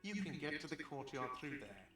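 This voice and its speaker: A man's voice: a little high, very animated, fairly quick, bright, forceful tone, heavy reverb, recorded from a distance, faint music behind. A man voicing a whiny, irritable café manager who talks in a defensive, grumbling way.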